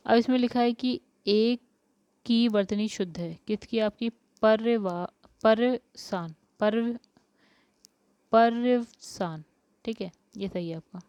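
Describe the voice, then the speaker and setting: A woman's voice: on the high side, a little slow, dark tone, no echo. A woman teacher working through spelling questions step by step, asking each question and then answering it. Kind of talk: spelling lesson for exam prep.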